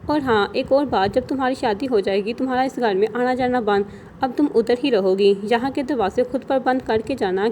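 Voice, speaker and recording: A woman's voice: on the high side, darkish tone, a little hiss or hum, close to an everyday voice. A woman reading the lines of a cold, sarcastic young man who threatens his sister sweetly, in an audio novel. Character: cold mocking young man, cruel brother.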